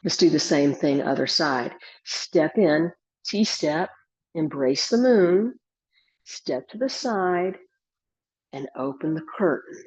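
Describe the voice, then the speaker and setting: A woman instructor with a husky, slightly gravelly voice, gently guiding a tai chi class with serene, step-by-step movement and breathing cues. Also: sits low, animated, takes it slowly. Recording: dull lo-fi sound.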